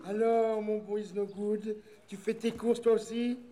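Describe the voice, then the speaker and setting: A high-voiced, childlike gullible caliph. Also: male voice, little pitch movement, unhurried, very noisy. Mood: cheerful, naive. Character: childlike, gullible, kindly male caliph, easily amused. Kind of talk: film comedy acting. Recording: loud music behind the voice.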